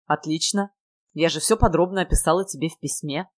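Woman reads a cool young woman, low and even, indifferent, audiobook. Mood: detached. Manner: flat, indifferent, measured.

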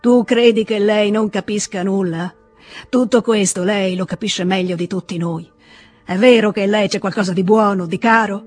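A reader voicing a drunk, frightened, volatile grown man in an Italian audiobook reading, with excited pleading outbursts. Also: medium pitch, moderate pace, faint music behind, natural voice. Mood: agitated.

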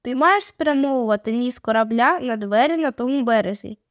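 A woman's voice: a little high, animated, fairly quick, no echo, close to an everyday voice. A woman voicing a bossy young boy captain who barks orders at his friends. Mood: commanding. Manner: commanding, impatient shouting.

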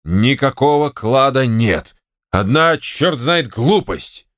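A man's voice: deep voice, huge pitch swings, unhurried, exaggerated voice. A man reading a story, voicing a grumbling, hot-tempered retired general who blusters and exclaims. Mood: blustering.

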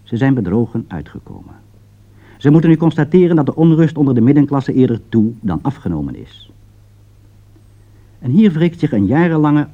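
Reading scripted broadcast commentary on politics, this man has a mid-range voice with a dark tone. He speaks in a formal, rhetorical style with strong emphasis. The high frequencies are missing from the audio.

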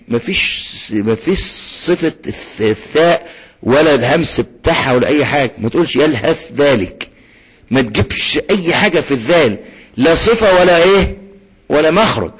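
A man with an Egyptian accent teaching Quran recitation, slowly sounding out letters and having students repeat after him. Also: a little high, a bit bright, husky, dull audio. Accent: Egyptian Arabic. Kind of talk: tajweed lesson with call-and-repeat drills.

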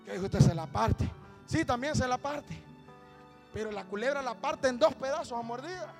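A male preacher telling a story in a sermon, rising to shouted exhortation and calling his listeners brother. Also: very high voice, normal speed, faint music behind. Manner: calls listeners "hermano" constantly. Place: church.

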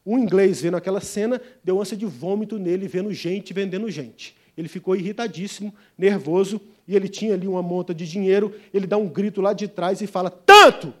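A middle-aged man, a pastor and missionary, preaching a sermon as an emphatic storyteller, swinging from loud to hushed. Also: high voice, brisk, hardly any pauses.

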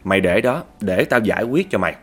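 A man playing a gruff middle-aged female shaman who gives curt orders. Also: fairly low pitch, expressive, fast. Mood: firm.

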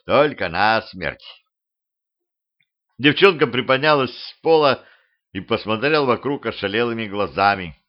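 A man narrating a humorous mystical audiobook in a lively, expressive way. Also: mid-range voice, fairly quick. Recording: dull lo-fi home recording.

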